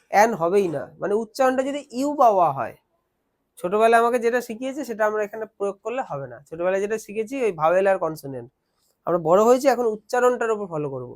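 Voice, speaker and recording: A man's voice: high-pitched, lively intonation, fast. A man teaching a grammar lesson in a classroom, explaining step by step and quizzing his students as he goes.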